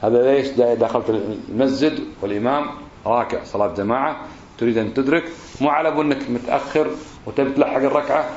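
Male religious teacher, explanatory lesson style, slow drawn-out demonstrations, echoey room, muffled recording. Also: medium pitch, a little mellow, a little hiss or hum. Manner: drawls out phrases slowly to demonstrate pronunciation; asks the listeners rhetorical questions. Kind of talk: lesson on prayer. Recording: roomy, slightly dull recording.

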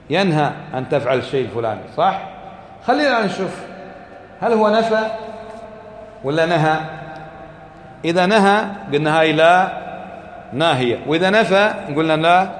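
A man's voice: on the high side, a little hiss or hum. A man teaching a class as a religious teacher, questioning students, repeating points and chanting quoted verses. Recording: echoey hall with faint ambience.

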